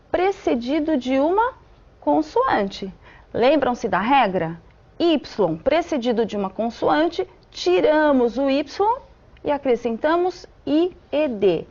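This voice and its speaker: A woman teaching an English grammar lesson, slowly spelling out rules step by step. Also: high voice, a little mellow, highs cut off.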